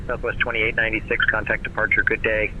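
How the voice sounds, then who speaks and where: Clipped male controller over headset radio. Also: lowish voice. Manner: flat, rapid-fire, businesslike. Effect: muffled air traffic radio heard over a cockpit headset. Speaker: air traffic controller. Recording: muffled radio audio with faint engine hum.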